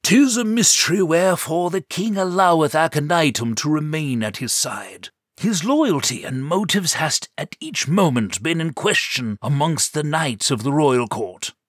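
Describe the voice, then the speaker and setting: Man voicing a hearty knight, archaic formal speech, raised pitch, dry close sound. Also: expressive, unhurried, a bit bright, no echo. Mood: jovial. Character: boisterous old-fashioned male knight.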